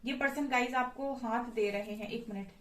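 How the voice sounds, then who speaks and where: Female tarot reader, fairly high voice, casual and soothing, distant echoey room sound. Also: moderate pace. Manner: calm, reassuring, repeats "guys" and "okay" often. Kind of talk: casual tarot reading to camera. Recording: echoey room from far off the mic.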